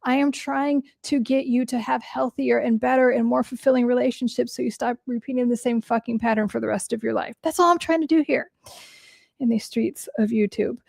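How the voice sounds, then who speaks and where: This young adult therapist runs a casual livestream, fielding viewer questions with blunt, profanity-laced answers while her voice cracks a bit from a long day. She talks briskly in a fairly high, steady, creaky and slightly mellow voice, recorded at studio quality with no room sound.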